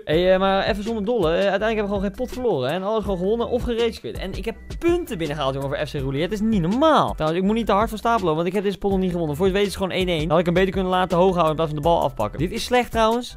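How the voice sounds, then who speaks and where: Excitable high-voiced Dutch young man. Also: very fast, hardly any pauses, faint music behind. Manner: excitable, swings from mumbling to yelling at the game. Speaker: gaming streamer. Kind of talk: casual gameplay commentary.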